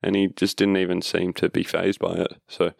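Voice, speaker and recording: A man hosts a casual sports podcast by himself, recovering from having his wisdom teeth pulled. His voice sits very low with plenty of vocal fry, recorded close and dry. He rambles informally and interrupts himself as he goes. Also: completely flat delivery, normal speed, dry recording. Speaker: podcast host.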